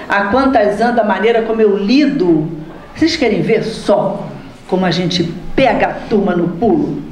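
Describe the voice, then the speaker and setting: A Brazilian woman leading a spiritist study talk to a group, lively and teasing her listeners with questions. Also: medium pitch, a little hiss or hum. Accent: Brazilian Portuguese. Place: spiritist center hall. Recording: roomy hall with faint ambience.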